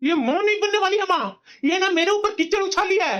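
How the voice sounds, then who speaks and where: A woman's voice: very high voice, animated, a little fast, dull audio. A woman voicing an angry young husband in a family cartoon, harsh and scornful. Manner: shouting accusations, scornful. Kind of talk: cartoon voice acting.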